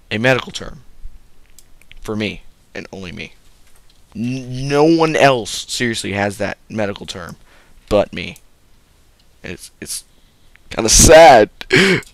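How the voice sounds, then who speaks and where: A young man giving goofy, rambling gameplay commentary as a let's play host, often yelling in bursts. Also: mid-range voice, no echo.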